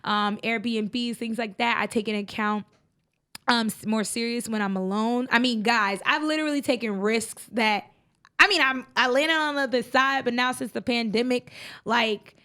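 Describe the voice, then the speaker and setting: A young adult woman co-hosting a podcast, telling travel stories in a chatty, animated way. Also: on the high side, moderate pace. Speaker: podcast co-host. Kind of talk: casual chat.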